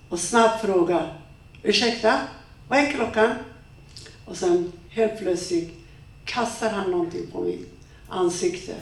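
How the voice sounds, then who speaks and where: A woman telling a harrowing first-person story as a dramatic monologue, slow and halting with intense repetitions. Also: lowish voice, gravelly, darkish tone, echoey room, far from the mic.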